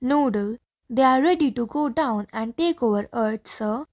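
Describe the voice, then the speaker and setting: A woman's voice: fairly high pitch, normal speed, darkish tone, lightly acted. A woman reading the part of a fussy, deferential Martian assistant in an audiobook play.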